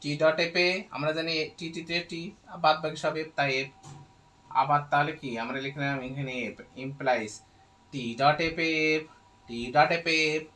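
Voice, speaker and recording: A middle-aged man teaching an online logic lesson, dictating symbols slowly and repeating each step. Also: on the high side, fairly even intonation, bright, forceful tone, rough recording. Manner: slow, repetitive step-by-step dictation.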